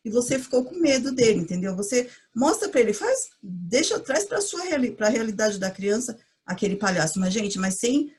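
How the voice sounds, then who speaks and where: A woman educator giving casual advice to parents, chatty and full of fillers, sometimes acting out gentle lines a mother says to her child. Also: medium pitch, husky. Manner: chatty, uses many fillers like "entendeu" and "tipo assim".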